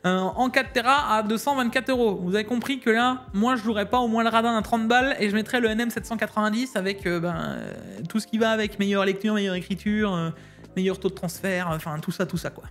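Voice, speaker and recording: A man's voice: high-pitched, fairly quick, a bit bright, soft background music. A man from Alsace giving a casual, slangy rundown of tech deals to his viewers, laughing often. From Alsace, France.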